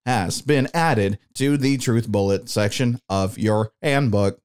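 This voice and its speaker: A co-host doing a put-on robot voice, playing a flat game system announcer during a casual let's-play chat. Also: medium pitch, slight background noise. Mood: robotic. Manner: slow, drawn-out announcing.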